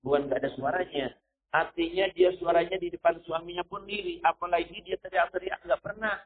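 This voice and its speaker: High-voiced man preaching, tinny recording. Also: fairly even intonation, brisk. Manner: stresses points with repeated "ya", quotes Arabic scripture. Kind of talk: sermon.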